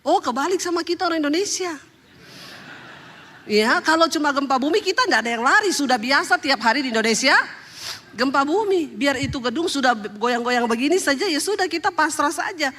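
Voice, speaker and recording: A woman's voice: sits high, lively intonation, brisk, a bit bright, slight background noise. A woman preaching a sermon, telling funny personal stories and often turning to the congregation in a chatty, joking way. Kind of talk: sermon told through humorous personal stories.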